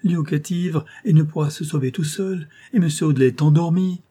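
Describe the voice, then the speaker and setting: A man's voice: fairly high pitch, normal speed, dark tone, slightly rough, voice pushed up. A man doing a frantic, sobbing young maidservant. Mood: pleading. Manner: sobbing, beseeching, breathless outcries. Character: frantic young female servant, pleading and terrified.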